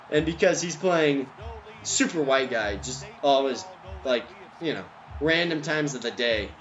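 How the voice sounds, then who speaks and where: A man's voice: mid-range voice, fairly bright tone, highs cut off. A man giving casual, rambling commentary over a video game, full of ums and side tangents, recorded at home. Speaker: gameplay commentator. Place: at home, neighbor's music nearby.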